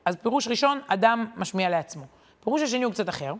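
Woman, Torah lesson, conversational, lively emphasis, frequent hesitation fillers, medium pitch. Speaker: Torah teacher.

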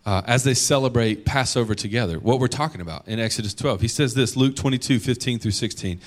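A man preaching a sermon in a conversational, animated way, repeating phrases for emphasis. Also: medium pitch, quick pace. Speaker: pastor.

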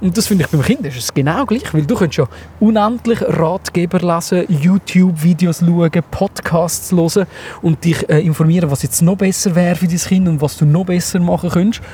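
A man with a Swiss German accent hosting a casual podcast chat on a walk, talking quickly and acting out little quotes. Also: high voice, slight background noise. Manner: quick, lively, acts out quotes. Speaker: podcast host. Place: outdoors on a walk in town.

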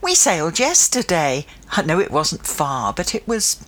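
A woman voicing a cheerful older grandmother who is brisk and practical and fond of old sayings. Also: low voice, huge pitch swings, fairly bright tone, exaggerated voice.

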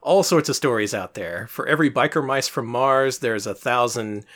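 A man's voice: mid-range voice, a bit bright. Wry jokey man hosting a podcast. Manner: jokey, wry, quick asides. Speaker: podcast co-host. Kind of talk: casual podcast chat.

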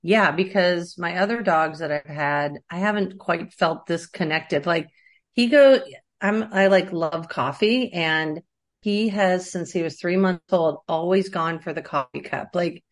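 A woman in her thirties co-hosts a relaxed podcast in a somewhat low voice. She talks casually with plenty of ums and likes, and she keeps breaking into laughter. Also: unhurried. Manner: laughs often, chatty with fillers. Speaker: podcast co-host. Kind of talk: casual chat.

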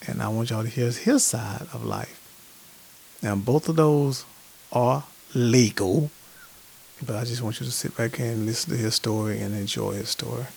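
A male podcast host with a gravelly, mid-range voice who opens with reflective rhetorical questions. He interviews his guests in a casual, conversational way. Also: medium pitch, moderate pace, a little mellow, slight background noise.

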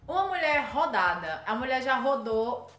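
A woman with a Northeastern Brazilian accent explains slang through everyday examples in a quick, playful way. Her voice sits high. The room is roomy, with faint music behind her. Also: very animated, fairly bright tone. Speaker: guest. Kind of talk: casual chat explaining slang.

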